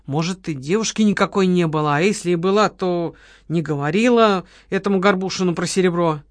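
A woman's voice: on the low side, a little fast, no room sound, studio quality, natural voice. Woman doing a grumbling nervous man. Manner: grumbling, easily exasperated. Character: nervous, grumbling male con-man partner.

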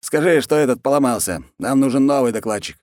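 A man's voice: mid-range voice, brisk, a little mellow, no echo, studio quality, pitched above the performer's own voice, lightly acted. Bloated capricious ruler, lazy and petulant, barks orders; male reader putting him on. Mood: bossy. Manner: lazy, peevish, bossy. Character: fat lazy cruel male khan, pompous and capricious.

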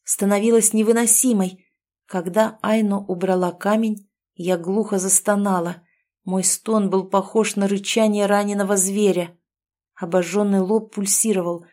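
A woman narrating a dark first-person story, her storytelling steady and expressive. Her voice sits at a middle pitch for a woman, neither high nor low. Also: moderate pace. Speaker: audiobook narrator.

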